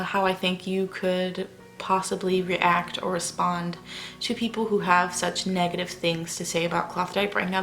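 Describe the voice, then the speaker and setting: A fairly low, gravelly voice with a fairly bright tone belongs to a young parenting vlogger. Late at night in her house, with the family asleep, she talks to camera in a quiet, chatty, wandering way.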